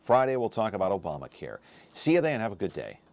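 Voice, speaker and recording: A man hosting a local TV talk show, interviewing guests and reading viewer email questions briskly. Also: lowish voice, huge pitch swings. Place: TV studio.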